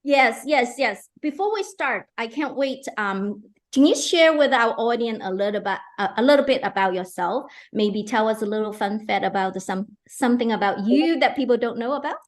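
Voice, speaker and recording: A woman's voice: on the high side, expressive, normal speed, few pauses. A middle-aged woman from Hong Kong hosting an online interview, eager and enthusiastic, often checking in with "right?" and "okay". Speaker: host.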